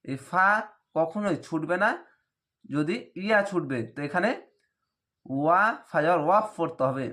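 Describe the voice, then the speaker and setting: A man's voice: fairly high pitch, a bit bright. A man teaching Quran reading in Bengali, spelling out each letter and vowel mark before reciting the word. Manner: spells letters and vowel marks slowly, then reads the word drawn out.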